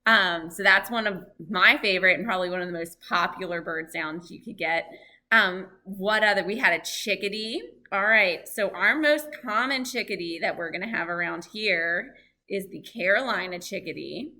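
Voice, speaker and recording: A woman presenting a live, lively lesson for families, chatting and asking her audience questions. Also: mid-range voice, moderate pace. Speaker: library program presenter on birds.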